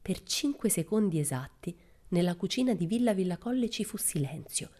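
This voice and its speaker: A woman narrates a children's storybook in a measured, expressive reading. Her voice is on the lower side and dark, warm and mellow in tone. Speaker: audiobook narrator.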